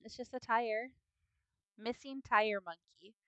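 A woman's voice: on the high side, fairly even intonation, slow, clean tone, no echo, muffled recording. A young woman with a sniffly nose giving chatty, playful commentary on a video game at home, now and then breaking into bits of song. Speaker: gaming video host. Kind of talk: casual gameplay commentary.

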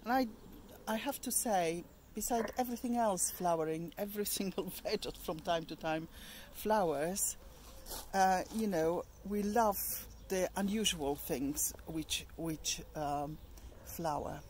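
A middle-aged woman with a fairly low voice talks her way around her allotment plot outdoors, recorded on a handheld camera or phone. Her talk is chatty and wandering, full of ums and restarts, with faint outdoor ambience behind her. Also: measured pace, darkish tone, a little hiss or hum. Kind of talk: casual garden tour vlog.

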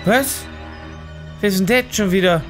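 A man gives casual video game commentary in a slightly high voice. He stammers and throws in short exclamations. Game music plays clearly behind him. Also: normal speed. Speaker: let's player.

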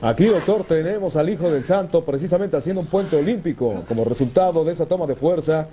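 High-voiced Mexican man, lucha libre announcer. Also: quick pace, dark tone, slight background noise. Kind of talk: wrestling play-by-play commentary.

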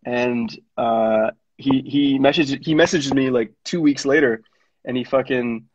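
A man's voice: mid-range voice, steady tone, measured pace, husky, no echo. A young man, a music producer telling stories in a casual radio interview, rambling and slangy with lots of fillers. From Montreal, Canada. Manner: rambling, laid-back slang-heavy storytelling with lots of fillers. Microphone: studio mic. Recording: dull lo-fi radio studio.

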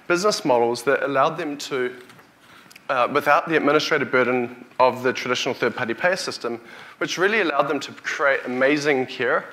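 A man in his thirties with a broad Kiwi accent speaks in a bright, forward voice at a medium pitch. He is delivering a keynote to a conference audience as a chief executive. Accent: New Zealand. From New Zealand. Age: 30s. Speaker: company CEO, conference speaker. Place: hotel conference hall, on stage before an audience. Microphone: lapel or headset mic.

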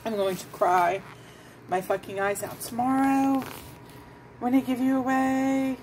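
A woman's voice: fairly high pitch, fairly even intonation, unhurried, noisy background. A woman fostering a kitten, chatting casually to it on a phone camera at home, swearing freely and cooing at it. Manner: swears casually, coos and sings silly songs to the kitten. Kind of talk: casual vlog chat to a pet.

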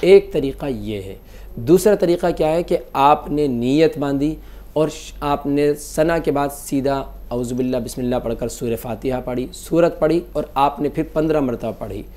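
Male mufti, dark mellow voice, patient step-by-step explainer. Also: medium pitch, moderate pace. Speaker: mufti answering callers. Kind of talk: religious call-in explanation.

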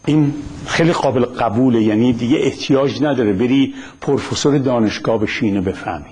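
Blunt husky man with Isfahani accent. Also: darkish tone. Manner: blunt, emphatic, rising pitch on key phrases. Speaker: commentator on religion. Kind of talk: monologue lecture.

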